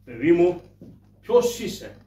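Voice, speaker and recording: A man voicing a fussy, proper older gentleman in shadow puppet theatre who scolds in a prim way. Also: high voice, big pitch swings, a little hiss or hum. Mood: scolding. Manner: prim, scolding, calls others "my child". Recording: echoey distant stage mic, faint ambience.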